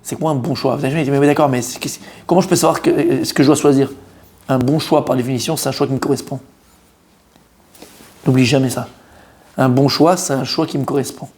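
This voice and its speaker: Here a man with a medium-pitched voice teaches Torah in French at a quick clip, broken by long pauses. He's animated, quizzes his students, repeats the main points and drops in Hebrew terms.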